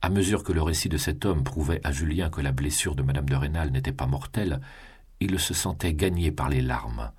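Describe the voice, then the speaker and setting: A man narrating a classic novel in a calm, measured reading voice. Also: a bass voice, slightly rough. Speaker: audiobook narrator.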